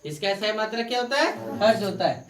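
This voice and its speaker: A woman's voice: medium pitch, expressive, fast. A woman teaching a science class, repeating key points and asking the class questions for them to answer. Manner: repetitive questioning, prompts students to answer. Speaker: science tutor. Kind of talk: classroom lecture with call-and-response questions. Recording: echoey room, far from the mic.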